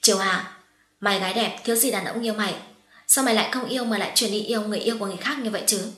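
Brash young woman with quick, loud retorts, read by a woman narrator; echoey room. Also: mid-range voice, faint music behind, natural voice. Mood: indignant. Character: spirited young woman, blunt and teasing.

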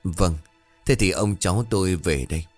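A man voicing a gentle, sympathetic old village elder with a soft, sighing delivery. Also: low-pitched, moderate pace, dry recording, soft background music.

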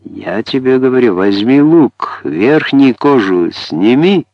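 A man reading an audiobook voices a bossy middle-aged woman loudly giving folk-remedy advice. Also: lowish voice, dry recording, highs cut off. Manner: loud insistent advice over music.

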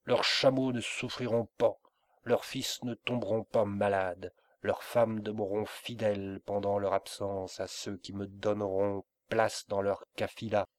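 A man voicing a boisterous wandering mollah who is really a bold trickster, declaiming slowly and with emphasis. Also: lowish voice, flat delivery, no echo, natural voice.

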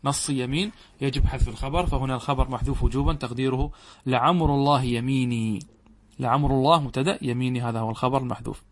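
A middle-aged male scholar teaching grammar at an ordinary pitch. He explains each point patiently, often pausing to ask if the students understand. He reads quoted verses aloud slowly. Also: fairly even intonation, slight background noise. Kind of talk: classical Arabic grammar lesson.

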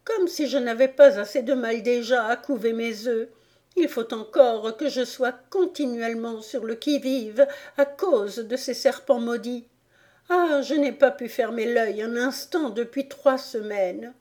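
A woman playing a big male pigeon from an audiobook, shrill and sobbing. He sounds indignant and accusing, pitched well above a plain speaking voice. The delivery is slow and unhurried. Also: animated, darkish tone. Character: big, fretful, menacing male pigeon guarding eggs. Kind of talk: audiobook character voice.

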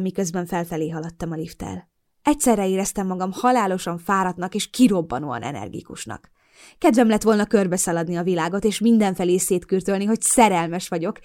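A woman narrating a first-person audiobook with an expressive storytelling delivery. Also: lowish voice.

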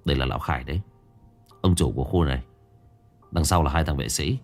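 A man narrating a story in a dramatic, expressive way. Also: rumbling low, fast talker, faint music behind.

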